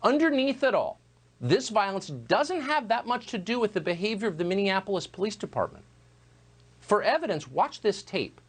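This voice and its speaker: A man delivering a scripted opinion monologue as a news host, measured and emphatic. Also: high-pitched, very animated, slightly rough.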